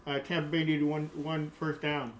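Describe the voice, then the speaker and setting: A man's voice: fairly high pitch, monotone, moderate pace, slight background noise. A young man co-hosting a casual sports chat, emphatic and stumbling over his words. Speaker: co-host.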